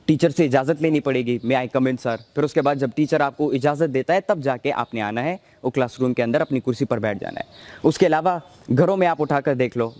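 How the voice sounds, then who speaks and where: A man's voice: mid-range voice, a little mellow, no room sound. A man giving an earnest talk on communication skills, explaining each point step by step.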